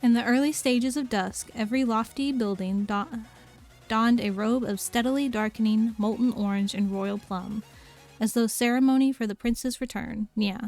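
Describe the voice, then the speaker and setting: A woman's voice: on the high side, moderate pace, darkish tone, faint music behind. A young woman streamer reading a novel aloud, tacking "yeah" onto nearly every sentence with giggly asides.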